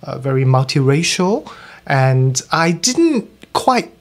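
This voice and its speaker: A Singaporean man in his forties, an arts curator, answering interview questions in a hesitant, reflective way with many pauses. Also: medium pitch, big pitch swings. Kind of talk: radio interview. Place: radio studio.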